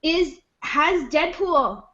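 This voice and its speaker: Young woman on a podcast, high voice, chatty, kinda dull lo-fi sound. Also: expressive, a bit bright. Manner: chatty, quick to jump in with jokes. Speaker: podcast co-host. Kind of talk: casual chat.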